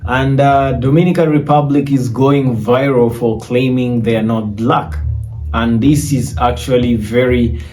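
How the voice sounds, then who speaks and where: A man hosting his YouTube channel, introducing the video casually with relaxed filler pauses. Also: mid-range voice, soft background music. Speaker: YouTube host.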